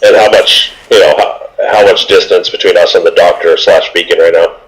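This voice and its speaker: A man playing a tabletop game, casually thinking out loud about what his party should do. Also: deep voice, fairly even intonation, a little fast, rough recording. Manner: thoughtful, deliberating aloud. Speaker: player.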